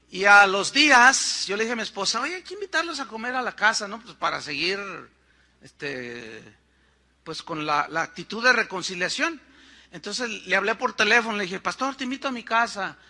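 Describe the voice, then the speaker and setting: High, bright-voiced Mexican pastor preaching. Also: male voice. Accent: Mexican Spanish. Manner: animated, acts out quoted voices, conversational asides. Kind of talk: sermon with storytelling.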